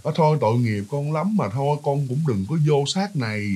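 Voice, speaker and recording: A soft, droning older exorcist with a Southern Vietnamese accent, as a storytelling man puts him on. He speaks slowly and evenly, hushed and hypnotic, his voice slightly husky. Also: mid-range voice, animated, lightly acted. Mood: soothing. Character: older male exorcist, monotone, hypnotic, soothing.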